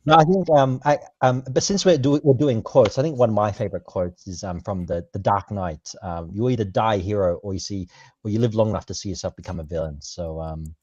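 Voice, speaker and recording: A man's voice: lowish voice, a little fast, darkish tone, no room sound. Hesitant man, dull audio. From Australia. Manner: hesitant, many ums and restarts. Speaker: podcast panelist. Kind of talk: casual personal chat.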